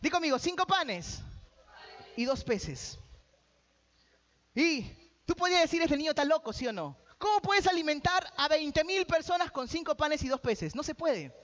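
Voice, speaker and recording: A man's voice: extremely high pitch, expressive, a little fast, a bit bright. A man preaching a sermon, joking with the congregation and calling out to them as he retells a story. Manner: calls out to the audience. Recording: dull lo-fi sound.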